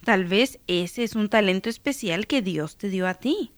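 A woman voicing a caring mother, gentle and reassuring. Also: medium pitch, lively intonation, measured pace, no room sound, natural voice.

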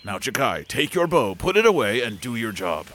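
A man's voice: mid-range voice, very animated, moderate pace, a bit bright. An actor playing a wise, stern village chieftain instructing his sons in an audio drama. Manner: firm, fatherly instruction.

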